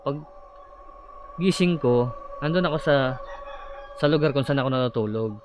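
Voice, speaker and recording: A man casually telling a personal horror story about sleep paralysis, halting and acting out his own shouts. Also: mid-range voice. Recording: slightly dull audio with clear background noise.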